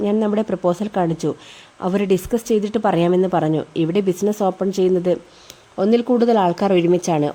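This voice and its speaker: A woman's voice: fairly low pitch, dark tone, close to an everyday voice. A woman voicing a firm, lecturing elder brother, a young businessman, in a storybook reading. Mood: matter-of-fact.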